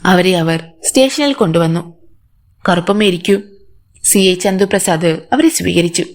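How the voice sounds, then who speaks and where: A woman narrating a serialized novel in a steady, measured way. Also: fairly low pitch. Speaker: story narrator. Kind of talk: reading a serialized novel aloud.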